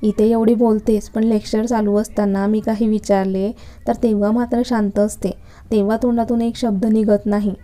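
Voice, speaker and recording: Woman reading as a curt scolding young male lecturer, very dark voice, flat delivery, storybook reading. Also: mid-range voice, moderate pace, close to an everyday voice. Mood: irritated. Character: young man, stern irritable college lecturer.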